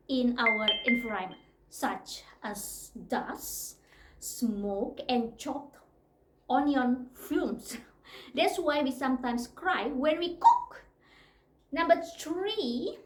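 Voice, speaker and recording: A woman reading a picture book aloud to a child, gentle and unhurried, with little asides and soft laughs. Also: fairly high pitch. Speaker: storybook reader. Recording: roomy echo.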